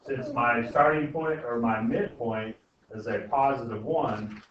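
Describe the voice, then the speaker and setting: A man teaches an algebra class informally in a school classroom, often questioning students to check they've understood. His mid-range voice is slightly bright and measured in pace, though the distant, muffled mic picks up heavy echo and noise.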